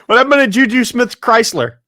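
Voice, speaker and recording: A man hosting a casual sports podcast, joking and excitable, rattling off long lists. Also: very high-pitched, brisk, no room sound, studio quality. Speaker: podcast host.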